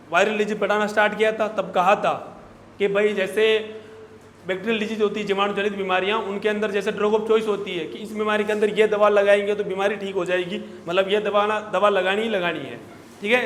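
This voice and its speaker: A high-pitched man lectures a classroom of students. He quizzes them and scolds them, and his voice rings with the long reverb of a large hall. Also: fairly bright tone, a little hiss or hum. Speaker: veterinary teacher.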